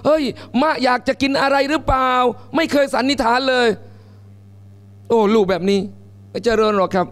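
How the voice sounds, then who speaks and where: Male religious lecturer with a very high voice and a playful, theatrical delivery, recorded in a mosque hall with a long echo. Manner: lively, joking, acts out mothers and babies. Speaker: Islamic lecturer. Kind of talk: colloquial Quran commentary lecture.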